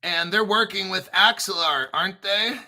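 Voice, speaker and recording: Guy doing informal crypto commentary, high voice w lots of gravel, excitable n sweary. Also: normal speed. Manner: excitable, swearing, sarcastic asides; frequent throat clearing. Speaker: crypto video host. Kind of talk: informal commentary reading through articles.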